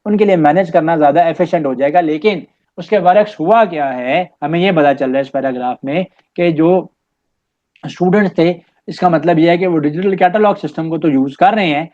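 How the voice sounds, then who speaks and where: Casting note: male tutor, slightly high voice, patient step-by-step explainer, dull audio. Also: darkish tone. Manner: explains step by step, mixing Hindi-Urdu with English; reads English passages slowly. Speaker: test-prep teacher. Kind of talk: recorded lecture.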